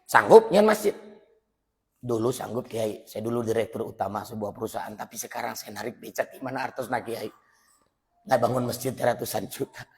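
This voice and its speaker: A man's voice: lowish voice, little pitch movement, fairly quick, vocal fry. A man with a Sundanese accent preaching a morning sermon in a mosque, telling stories and calling out to the congregation. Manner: storytelling, switching to loud chanting calls.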